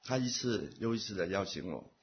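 A man giving a personal testimony at a church meeting, speaking in short phrases and pausing for an interpreter. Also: fairly low pitch, animated, slight background noise. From Taiwan. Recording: muffled lo-fi recording.

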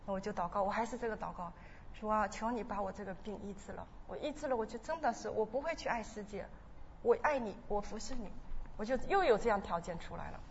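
A woman's voice: medium pitch, lively intonation. An earnest woman shares her personal testimony before a congregation, often stumbling and restarting. Her voice carries a long hall echo, a dull, muffled tone and a faint hum of ambience behind it. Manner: earnest, emotional, with halting restarts. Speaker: church member giving testimony. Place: church hall.

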